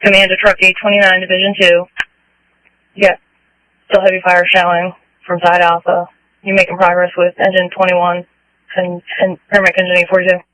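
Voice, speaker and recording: Over two-way radio, a man acting as fireground commander issues terse, procedural orders in emergency dispatch traffic. His high-pitched voice is bright and forceful yet completely flat, brisk with long pauses. The audio is poor and dry, typical of a radio transmission.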